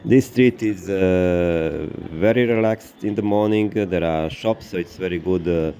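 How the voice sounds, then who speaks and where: Slow, low-voiced man. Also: dark tone. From Serbia. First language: Serbian. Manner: hesitant, many filler pauses. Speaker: tour guide vlogger. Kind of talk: casual walking tour narration. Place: outdoors on a city street.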